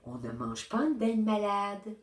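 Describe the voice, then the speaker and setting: Storybook read-aloud: a woman playing a kindly, harried aunt, soothing and slow. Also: medium pitch, very animated, pitched above the performer's own voice. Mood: scolding. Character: flustered gentle farm aunt, soft-hearted woman. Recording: roomy echo.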